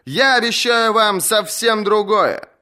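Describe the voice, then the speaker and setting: A man's voice: sits high, animated, takes it slowly, bright, forceful tone, voice pushed up, exaggerated voice. A man voicing a fierce young female sea captain who taunts her rivals, in an audiobook reading. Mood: defiant mocking. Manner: mocking, taunting, commanding.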